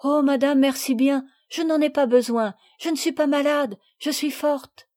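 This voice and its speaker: A woman's voice: fairly even intonation, a little slow, a little mellow, no room sound, studio quality. Woman doing a meek, frail little peasant girl. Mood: meek, pleading. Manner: timid and polite, higher childlike voice. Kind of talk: audiobook character reading.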